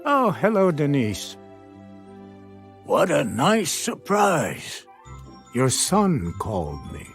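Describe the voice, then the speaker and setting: Santa Claus for a Christmas greeting: jolly and kindly, highish voice, faint music underneath. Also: male voice, wildly swooping pitch, slow pace, long pauses, exaggerated voice. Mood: kindly, curious. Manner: hearty, chuckling, theatrical. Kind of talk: personalised Christmas video greeting.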